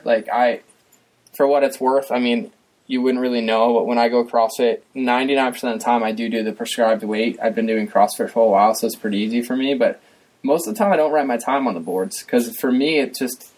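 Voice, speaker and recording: A man's voice: medium pitch, a little mellow, rough recording. A man chatting as a guest on a podcast, talkative and laughing often. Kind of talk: casual chat.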